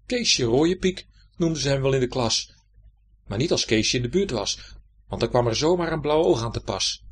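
A man reading a children's story aloud in an expressive, lilting storytelling manner. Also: medium pitch, creaky, slightly rough.

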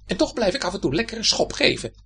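A man voicing a hot-tempered, football-mad left shoe in a children's story, shrill and defiant. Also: expressive, normal speed, husky.

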